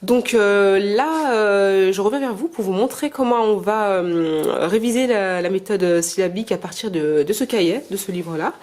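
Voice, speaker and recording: Woman, mother, home lesson, patient, gentle, halting, mid-pitched. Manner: patient, gentle teaching, slow explanations; hesitant, halting speech to camera. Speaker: mother homeschooling her children. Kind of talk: casual home-schooling vlog and lesson.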